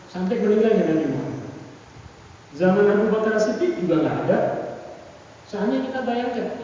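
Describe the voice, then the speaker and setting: A man's voice: on the high side, dark tone. A man delivering an Islamic sermon, telling stories and acting out their exchanges. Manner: storytelling, voices quoted exchanges, chants prayers. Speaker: preacher. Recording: echoey hall from far off, dull lo-fi, faint noise.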